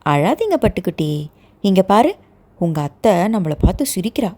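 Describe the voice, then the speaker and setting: Teasing young brother in an audio novel, woman doing the voice, lively mocking delivery. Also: mid-range voice, normal speed. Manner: mocking, joking.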